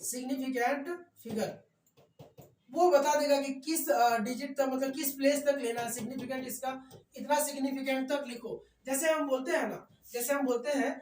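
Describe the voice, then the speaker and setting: A man's voice: extremely high pitch, steady tone, normal speed, darkish tone. A man teaching a math lecture in class, repeating points and often checking that students follow. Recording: echoey room, voice far from mic.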